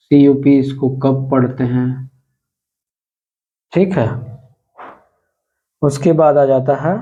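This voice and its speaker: A man teaching an English pronunciation lesson, explaining slowly, repeating words for emphasis and often clearing his throat. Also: medium pitch, warm tone, rough recording. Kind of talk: spoken language lesson.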